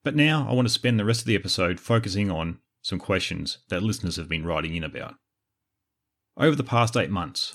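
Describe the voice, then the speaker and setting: An Australian man with a very low voice hosts a history podcast. He narrates from a script in a measured, explanatory way. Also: a bit bright. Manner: measured, explanatory, answers listener questions.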